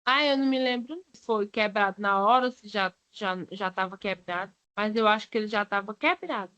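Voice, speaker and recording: A woman's voice: mid-range voice, fairly quick, pushed and bright, no echo. A woman with a Brazilian Portuguese accent giving hesitant, vague answers as a witness in court. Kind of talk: courtroom testimony.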